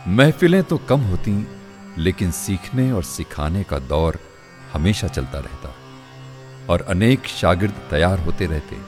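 A man narrating a radio drama in a slow, measured, dramatic way. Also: low-pitched, a little mellow. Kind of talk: scripted narration.

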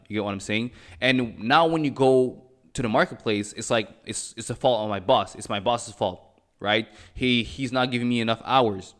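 A man from Cameroon, raised in Montreal, hosting a motivational podcast in an energetic style and repeating phrases for emphasis. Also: medium pitch. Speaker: podcast host.

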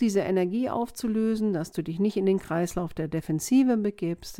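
A woman speaking as a communication coach in a podcast monologue. She explains things calmly and often adds the tag question "ne?". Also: lowish voice.

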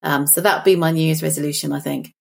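Woman, middle aged, thinks out loud on a podcast, kinda low voice. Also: steady tone, fast talker, gravelly. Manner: reflective, storytelling, thinks aloud. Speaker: podcast co-host. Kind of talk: casual chat.

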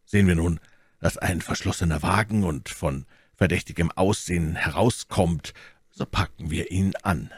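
Calm serious musketeer boss, a man reading him, low voice, dry close sound. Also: slightly rough, dry recording. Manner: measured, serious. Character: grave older male musketeer, calm leader.

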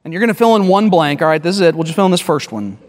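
A man with a high-pitched voice delivers a sermon from the pulpit. He is emphatic, repeats and restarts his phrases, and slows right down to stress key words. His voice rings with the long reverb of a large church hall. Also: animated. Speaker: pastor.

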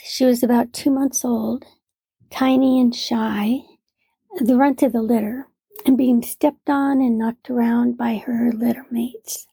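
A woman telling a gentle personal story about her cat in a soft, half-whispered voice. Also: on the high side, creaky, husky, no echo.

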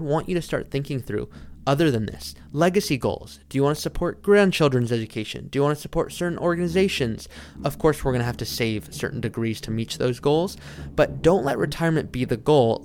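A man's voice: medium pitch, a little hiss or hum. A man hosting a solo podcast as a financial planner, explaining directly to the listener and posing rhetorical questions. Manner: poses rhetorical questions and answers them.

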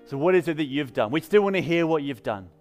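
With faint music behind him, a pastor from England tells stories during a church sermon in an upbeat, conversational style. He talks fast, and his fairly high, expressive voice has a slightly mellow quality.

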